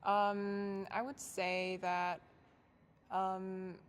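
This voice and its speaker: Soft-spoken young woman from Japan. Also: medium pitch, flat delivery, extremely slow, smooth. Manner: thoughtful, soft-spoken, laughs lightly. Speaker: interviewee, violinist. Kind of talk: recorded interview answers.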